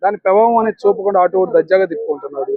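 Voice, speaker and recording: Male interviewee, combative; high voice, lo-fi street mic. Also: no room sound. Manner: combative, rapid-fire rhetorical questions.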